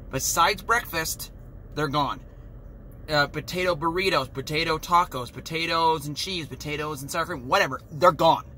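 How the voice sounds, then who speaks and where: A man's voice: a little high, bright, forceful tone, a little hiss or hum. A man vlogging an angry, heated rant, talking in an exasperated way.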